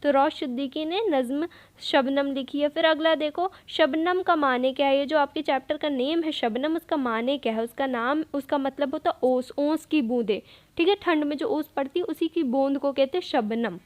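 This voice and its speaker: A woman's voice: high-pitched, normal speed. A woman teacher going through exam questions one by one, patiently explaining and repeating each answer. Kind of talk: exam revision lesson.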